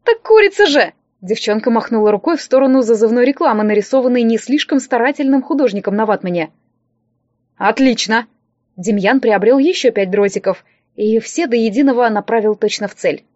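A woman telling a first-person audiobook story in a lively, playful way. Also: a little high, quick pace, no echo. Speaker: audiobook narrator. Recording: dry, slightly dull audio.

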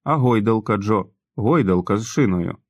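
A man reading a cautious grown man who asks questions slowly and gently. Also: fairly low pitch, animated, no room sound, muffled recording. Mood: probing. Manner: slow, gentle questioning with pauses. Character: careful, probing grown man.

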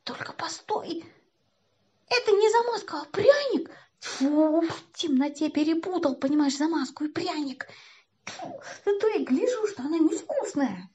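A woman's voice: sing-song, moderate pace, hardly any pauses, exaggerated voice. A woman voicing an earnest, anxious young boy who pleads in a raised voice, on a dull lo-fi recording. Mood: pleading. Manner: pleading, pitched up.

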